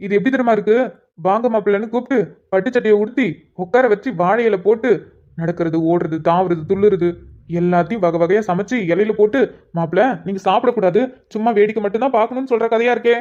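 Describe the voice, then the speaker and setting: A woman's voice: medium pitch, fast, a little mellow, dull audio, natural voice. A woman doing a teasing young police-bound lover. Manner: affectionate teasing, coaxing. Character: young man, police aspirant, teasing but tender fiancé. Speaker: male lead in a cartoon love story. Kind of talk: cartoon voice acting.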